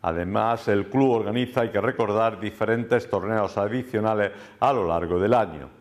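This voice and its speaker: A man's voice: on the low side, normal speed. Man reading news voice-over. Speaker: news reporter.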